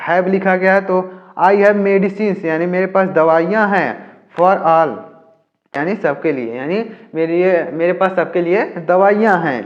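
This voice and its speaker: A man's voice: fairly high pitch, highs cut off. A man teaching English by reading a story aloud, then explaining each word in Hindi.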